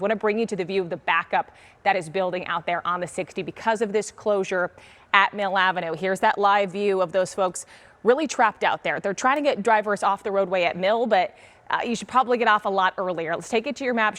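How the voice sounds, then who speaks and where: Traffic reporter: American woman, mid-pitched voice, live TV delivery. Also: a bit bright. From Arizona, US.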